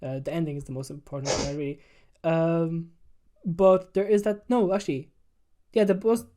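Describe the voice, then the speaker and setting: A man's voice: a little high, fairly even intonation, normal speed, mellow. A man hosting a casual gaming chat, retelling scenes in a rambling, sweary way, full of "like" and "you know". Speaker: podcast host.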